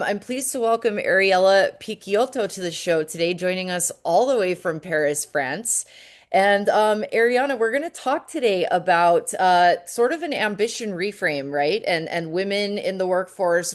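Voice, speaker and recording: Lowish-voiced woman hosting a podcast. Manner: halting, many "um" and "uh" restarts. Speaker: podcast host. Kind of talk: casual interview hosting.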